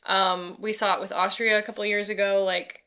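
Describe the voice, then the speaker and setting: Woman host chatting casually, bright tone, laughs a lot. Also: mid-range voice, little pitch movement, clear, resonant tone. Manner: laughs often, quick asides. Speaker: channel host. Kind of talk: casual reaction chat.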